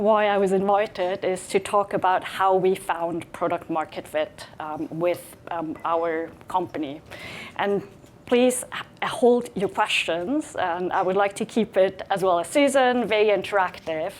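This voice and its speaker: A woman's voice: on the low side, slight background noise. A woman in her forties from Switzerland, speaking to a live audience about founding her company, chatty, with many fillers and restarts. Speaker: startup founder giving a talk. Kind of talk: conference talk. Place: conference venue.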